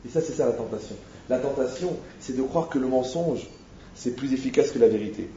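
A man's voice: mid-range voice, a little fast, dark tone, a little hiss or hum. A man teaching an informal Torah lesson, talking animatedly, firing rhetorical questions and speaking straight to his listeners. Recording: echoey, dull-sounding room recording.

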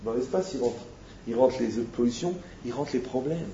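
A man teaches an informal Torah lesson, talking straight to his listeners. He keeps it animated and leans on rhetorical questions. The recording is echoey and dull, with a faint hiss behind him. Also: mid-range voice, normal speed.

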